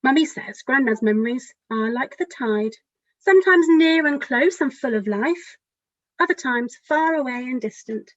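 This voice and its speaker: At normal speed, a woman author reads aloud from a children's picture book in a fairly high voice, expressive and speaking directly to her young listeners as at a storytime. The sound is a little dull and dry, without room sound.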